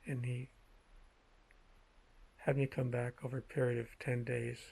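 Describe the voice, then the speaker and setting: A man speaking in a measured, halting way with a gravelly, husky voice, telling personal anecdotes in a casual monologue. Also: mid-range voice, level tone, darkish tone, low-quality recording. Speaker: vlogger telling personal stories.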